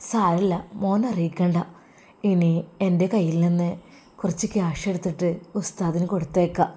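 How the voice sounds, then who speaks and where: A woman voicing an elderly mother who is worried and gentle, speaking softly and pleadingly. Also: lowish voice, steady tone, normal speed, close to an everyday voice.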